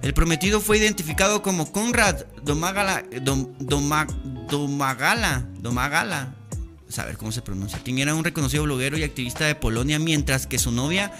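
A young Guatemalan man with a Guatemalan Spanish accent hosts a podcast, telling stories in casual, slangy, playful chat. His voice is fairly high and animated, moving at a quick pace with few pauses over music.

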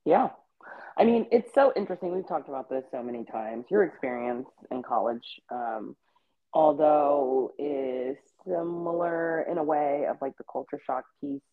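Brief: woman interview host, measured and reflective, narrow phone-line audio. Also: low-pitched. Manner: reflective, measured, frequent "um" pauses. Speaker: podcast host, former college athlete. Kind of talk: conversational interview.

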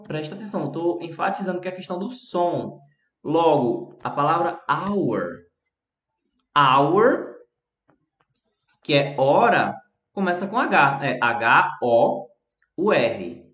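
Brazilian man, english teacher, live stream lesson, unhurried, roomy echo. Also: fairly high pitch, a bit bright. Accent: Brazilian Portuguese. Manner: chatty, answers viewers by name, stretches example words.

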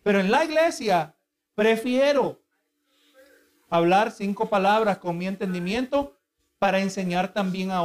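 A male preacher giving a sermon, earnest and explanatory, who keeps asking the congregation for agreement. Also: high-pitched. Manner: asks the congregation for agreement again and again; earnest, explanatory, with repeated restarts.

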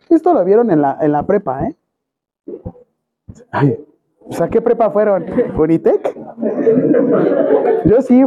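A teacher with a Mexican Spanish accent gives a classroom lecture and keeps quizzing the students with questions. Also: medium pitch. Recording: tinny phone-quality recording.

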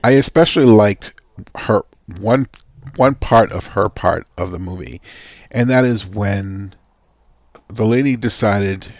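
A man's voice: on the low side, unhurried, dry recording. A man in casual chat about a film, animatedly retelling scenes and repeating himself as he goes. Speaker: podcast co-host discussing a film. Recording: dull lo-fi recording.

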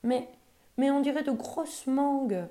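Brief: woman doing a greedy little girl, high and pleading, warm storybook tone. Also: unhurried.

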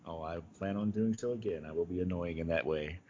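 A man hosting a podcast, speaking in a polite, somewhat formal and measured way. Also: low-pitched, mellow. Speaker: podcast host. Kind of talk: conversational interview hosting. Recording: dull lo-fi audio, clear background noise.

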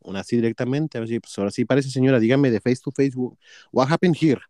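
A man's voice: mid-range voice, fast, warm tone, dry recording, studio quality. Profane Mexican man telling gossip. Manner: profane, gossipy, acts out both sides of quarrels. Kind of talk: casual storytelling chat.

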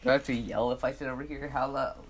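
A man's voice: mid-range voice, steady tone, fast talker, a little hiss or hum. A man co-hosting a casual podcast, rambling with many fillers and restarts, often breaking into laughter. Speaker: podcast co-host. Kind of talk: casual chat.

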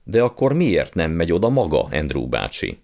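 A man's voice: sits low, huge pitch swings, gravelly, a little mellow, heavily acted. A man voicing an earnest young boy who protests against his uncle. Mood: indignant.

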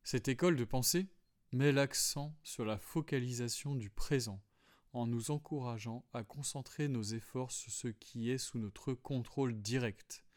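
A man with a mid-range voice hosts a solo podcast, calmly reflecting on philosophy. His explanations are full of fillers and restarts.

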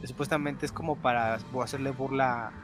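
A man with a Mexican accent telling a spooky story in casual, slangy chat, acting out shouts as he goes. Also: mid-range voice, normal speed, over music. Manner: animated, slangy, mimics shouts while telling a tale.

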